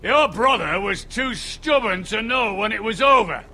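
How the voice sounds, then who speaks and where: An actor playing a brutal, gloating lord in a dramatic video game, menacing and taunting. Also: male voice, sits high, lively intonation, normal speed, pushed and bright, full character voice. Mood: gloating menace.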